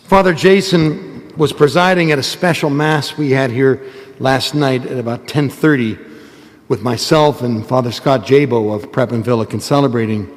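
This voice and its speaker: A man's voice: mid-range voice, moderate pace. A male priest reading the gospel and giving a homily in a chatty, self-mocking storytelling manner, recorded in a church with a long cathedral-like reverb.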